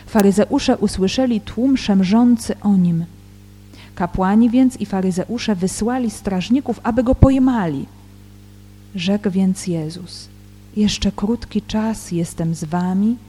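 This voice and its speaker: A woman reads scripture slowly and deliberately, then explains it like a Bible teacher, pausing over her words. Her voice is mellow and unhurried. A long reverb trails behind her, with faint music underneath. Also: medium pitch, breathy edge. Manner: measured, deliberate reading with hesitant fillers when explaining. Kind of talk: slow scripture reading and explanation.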